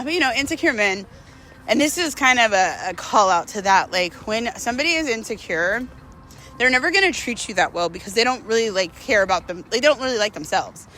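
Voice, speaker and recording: Her medium-pitched voice sounds pushed and bright, with a little hiss or hum in the audio. In a conversational vlog, this storyteller recounts something personal in slangy style, full of "like" and acted-out dialogue.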